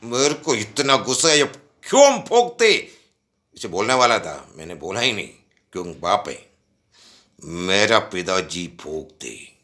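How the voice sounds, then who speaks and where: A man's voice: low-pitched, a little slow. A man giving a devotional message as a story, talking straight to young listeners and acting out the lines of the people in it. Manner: animated, acts out quoted dialogue; addresses young listeners directly.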